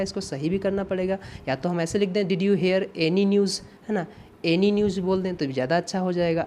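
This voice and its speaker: A man's voice: on the high side, a little mellow, slight background noise. Patient male English grammar teacher. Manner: patient, repetitive, checks in with "ठीक है" and "है ना"; reads English example sentences slowly and deliberately. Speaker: English teacher for exam prep. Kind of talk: exam-prep grammar lesson.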